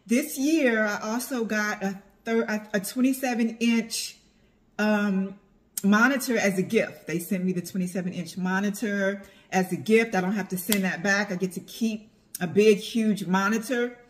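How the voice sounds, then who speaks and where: A woman's voice: medium pitch, normal speed. A middle-aged woman chatting casually to her followers in a vlog, drawing out words for emphasis as she tells her story. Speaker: vlogger, tax preparer.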